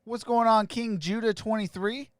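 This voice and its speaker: A man hosting a sports live stream, casually greeting viewers by name and giving shout-outs as he reads their comments. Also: high-pitched, fairly even intonation, moderate pace, no echo, studio quality.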